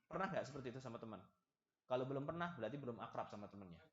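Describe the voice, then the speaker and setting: A man giving a religious study lecture in a lively, joking manner, speaking to a gathered audience. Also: mid-range voice, very fast. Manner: lively, acts out little dialogues and jokes with the audience. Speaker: preacher giving a study lesson. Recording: echoey, slightly dull hall recording.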